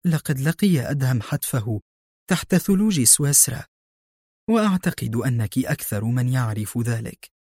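Reader plays a captive woman agent for an audiobook: calm, defiant, dry close sound. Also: mid-range voice, moderate pace, slightly rough, dry recording.

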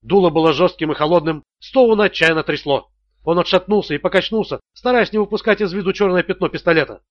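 A man narrating an audiobook thriller in a steady, tense manner. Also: sits high, fast talker, no echo, dull audio.

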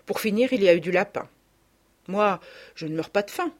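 A woman reading a literary novel aloud as an expressive audiobook narration. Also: mid-range voice, a little fast. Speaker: audiobook reader.

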